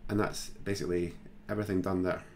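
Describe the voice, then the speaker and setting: A man hosting a screen-recorded software tutorial, talking casually and thinking aloud with plenty of fillers. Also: low-pitched, little pitch movement, fast, slight background noise. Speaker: tutorial host.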